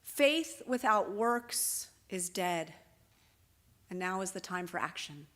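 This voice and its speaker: A woman's voice: mid-range voice, a bit bright. A woman leads a synagogue service. She speaks earnestly and leans with emphasis into her words. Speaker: clergy leading the service. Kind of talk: sermon. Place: synagogue sanctuary.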